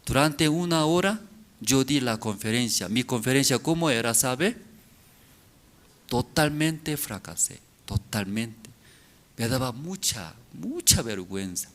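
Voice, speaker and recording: A male pastor with a foreign accent in his Spanish, preaching slowly and often checking in with his congregation. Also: mid-range voice, lively intonation, fairly bright tone. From outside Bolivia. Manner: slow, halting, constantly checking in with the listeners. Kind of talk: sermon to a congregation.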